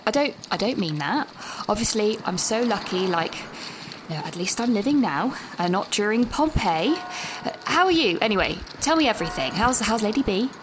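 In this audio drama voice note, an actress plays a nervous, chatty young British university student walking outdoors, out of breath as she rambles into a voice message and keeps interrupting herself. Her voice sits at medium pitch against a noisy background.

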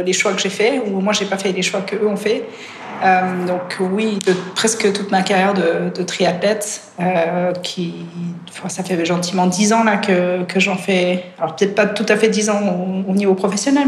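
A woman in her thirties from Switzerland, a podcast guest speaking modestly with many hesitations and fillers. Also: mid-range voice. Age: 30s. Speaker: guest triathlete. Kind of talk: podcast interview. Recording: echoey room with faint noise.

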